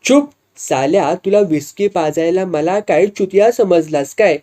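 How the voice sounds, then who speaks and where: A man voicing a drunk, bullying rich village man who swaggers and threatens loudly. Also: high voice, measured pace. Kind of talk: storytelling with acted dialogue.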